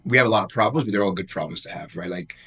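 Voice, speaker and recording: A Nigeria-born man in his thirties talks shop as a podcast guest, words tumbling out quickly in a loose, filler-heavy way. His voice sits low with a husky edge. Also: bright, forceful tone. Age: 30s. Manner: rapid, filler-heavy, leans on "like" and "you know what I mean". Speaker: guest, brand founder. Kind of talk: casual podcast conversation.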